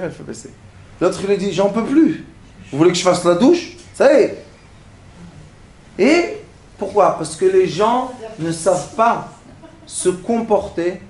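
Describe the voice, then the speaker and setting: A man teaching a religious lesson to an audience, acting out little everyday scenes with animated, laughing delivery. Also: sits high, roomy sound. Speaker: rabbi teaching a class. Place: classroom.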